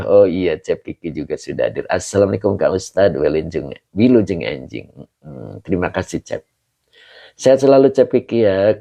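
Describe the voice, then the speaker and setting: A man's voice: low voice, vocal fry, warm tone, dull audio. A man, an Islamic preacher, greeting viewers on a live stream, reading their comments aloud and answering with prayers and chuckles.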